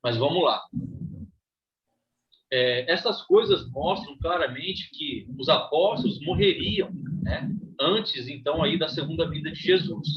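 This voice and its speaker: Man, Brazilian accent, Bible class teacher, reads scripture then explains, slightly high voice, dull faint-noise recording. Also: animated, unhurried. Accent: Brazilian Portuguese.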